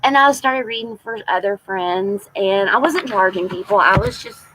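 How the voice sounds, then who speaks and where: A woman in her forties, a tarot reader hosting a casual livestream, chatting warmly with viewers and calling them y'all. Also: medium pitch, big pitch swings, normal speed, breathy edge, no room sound, poor audio. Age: 40s.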